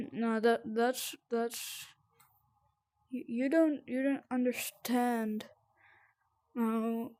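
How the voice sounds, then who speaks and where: A gamer giving casual, sweary VR gameplay commentary in a halting, rambling way that repeats words, with audible heavy breathing. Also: medium pitch, fairly even intonation, a little mellow. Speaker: gamer presenting a VR game tutorial.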